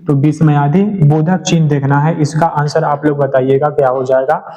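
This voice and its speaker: A man's voice: fairly high pitch, warm tone. Man quizzing students in a lesson. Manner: keeps asking and answering his own questions. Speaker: teacher. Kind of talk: exam-prep lecture. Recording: dull lo-fi sound.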